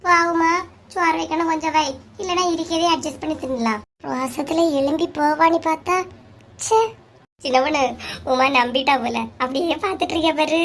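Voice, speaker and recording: A very high, squeaky cartoon voice of bickering village women, done by one woman. She nags and scolds in quick banter with a Kanyakumari Tamil accent. A faint hiss sits under the voice. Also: fairly bright tone. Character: bickering, sharp-tongued village women neighbors. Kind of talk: cartoon comedy voice acting.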